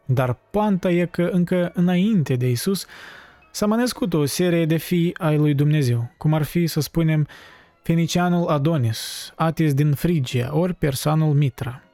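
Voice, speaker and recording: A man's voice: fairly high pitch, dark tone, no echo, soft background music, pitched above the performer's own voice, close to an everyday voice. A man reading as a lecturing, self-assured editor. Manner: explaining, diplomatic. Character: confident lecturing male magazine editor.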